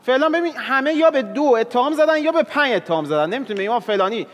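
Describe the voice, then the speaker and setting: High-pitched man reasoning step by step. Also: animated, a bit bright. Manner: analytical, laying out logic. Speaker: game show contestant. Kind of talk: reasoned argument in a party game. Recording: reverberant studio.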